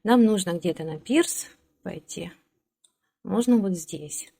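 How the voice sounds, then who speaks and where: A woman's voice: lowish voice, takes it slowly, gravelly, mellow, husky, no echo. A woman giving casual gameplay commentary, chatting along and ordering her game characters around, with hesitant fillers. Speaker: let's play host.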